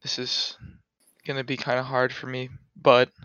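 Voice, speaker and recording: A man's voice: medium pitch, monotone, moderate pace, fairly bright tone, clean tone, no echo, close to an everyday voice. A man playing a smug, vain young boyfriend in a comedy skit, teasing and mock-serious. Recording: dull lo-fi sound.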